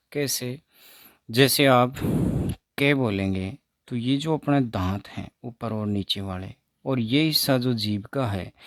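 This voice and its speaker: Male teacher, measured and unhurried, dry close sound, models sounds for the class to repeat. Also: mid-range voice, no echo. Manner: slow, repeats sounds for students to copy. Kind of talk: explaining phonetics lesson.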